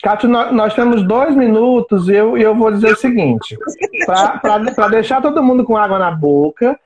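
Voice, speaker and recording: A man's voice: sits high, normal speed. A man from Brazil hosting a live online talk, giving brief affirmations and then a wrap-up announcement. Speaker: host.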